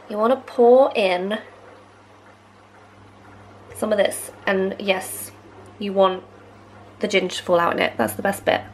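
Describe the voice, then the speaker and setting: A woman's voice: medium pitch, a little hiss or hum. A young woman vlogging in a chatty, bubbly way, a bit stuffy from a cold. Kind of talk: casual vlog chat.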